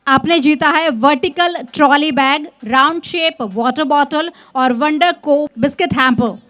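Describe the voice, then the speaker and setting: An Indian-accented woman hosting a prize ceremony, announcing from the stage in a booming, emphatic way and stretching out the results. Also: a bit bright. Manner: drawn-out, emphatic delivery of results.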